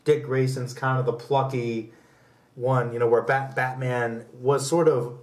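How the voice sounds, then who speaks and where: A man co-hosts a laid-back pop culture podcast, rambling and offering opinions in casual debate. His mid-range voice is level and unhurried. The recording sounds roomy and echoey, with him sitting far from the mic.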